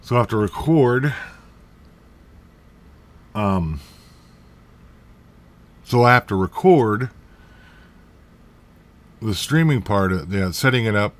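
A man's voice: lowish voice, animated, takes it slowly, long pauses. A man hosting a casual computer tutorial, rambling and correcting himself with jokey asides. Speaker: tech tutorial host. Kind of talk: casual screen-recorded tutorial.

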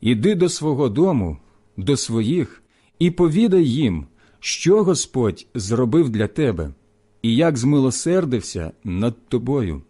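A man voicing a calm male teacher who gives firm, measured commands. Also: mid-range voice, husky. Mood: commanding.

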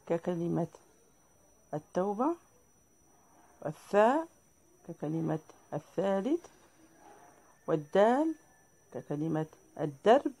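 A woman teacher with a Moroccan accent, explaining a lesson to pupils slowly and deliberately, spelling out each example. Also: lowish voice, dark tone, husky, no echo.

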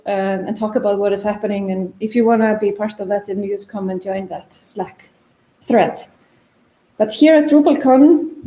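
A woman's voice: on the high side, dark tone, echoey room. A woman presenting an initiative during a conference keynote over a video call, talking casually with fillers and self-corrections.

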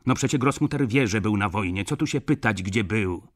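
A man's voice: lowish voice, expressive, normal speed. A man reading an audiobook, voicing a hot-tempered, romantic shopkeeper who bursts out indignantly. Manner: indignant, shouting outbursts.

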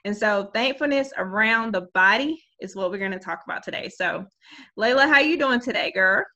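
A woman in her thirties hosting a podcast over a video call from a small home room, chatty and quick to laugh. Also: mid-range voice, expressive, dull audio. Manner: warm, chatty, laughs often. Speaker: podcast host. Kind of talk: casual interview on a video call.

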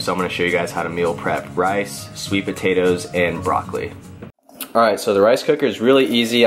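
Easygoing young man explaining a recipe. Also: deep voice. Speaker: fitness vlogger. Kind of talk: casual cooking how-to. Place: home kitchen, indoors.

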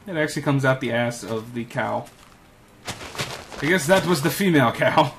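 A man's voice: medium pitch, expressive, moderate pace, noisy background. A man giving casual commentary while playing a video game, muttering to himself and coaxing in-game animals. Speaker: gameplay commentator. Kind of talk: casual let's-play commentary.

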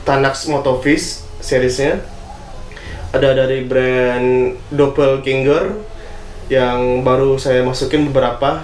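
A young man casually reviewing a camping bag in a small gear-filled room, chatty with lots of fillers and tag questions. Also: mid-range voice. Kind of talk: casual product unboxing. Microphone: camera on tripod, seated. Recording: echoey room with faint music.

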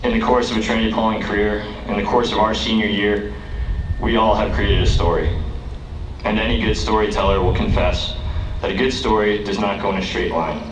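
Fairly low in pitch and fairly even in intonation, a young American student speaker talks a little fast during his earnest commencement speech outdoors on a lawn, eventually declaiming emphatically. A far-off camera records his podium mic, so the PA sound is roomy, distant, and dull, with a noisy background.

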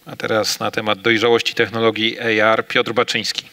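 Moderator guy on a big stage, super bright crisp voice, upbeat, calls the rounds. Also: on the low side, flat delivery, normal speed. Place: large conference stage with audience. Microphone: handheld mic.

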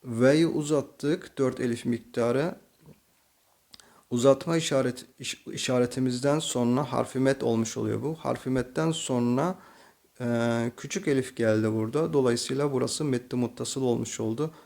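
A man with a Turkish accent teaching slow Quran reading, patiently explaining each letter and then reciting the words slowly and drawn out. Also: medium pitch, gravelly, darkish tone. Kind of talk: slow tajweed reading lesson.

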